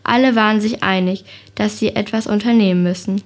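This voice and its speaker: A woman's voice: mid-range voice, fairly even intonation, fairly quick, close to an everyday voice. A woman reading the lines of a decisive young girl detective, in a children's story.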